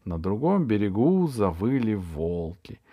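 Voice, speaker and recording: A man narrating a children's audiobook in steady storytelling. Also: on the low side, measured pace, breathy edge, no room sound, highs cut off.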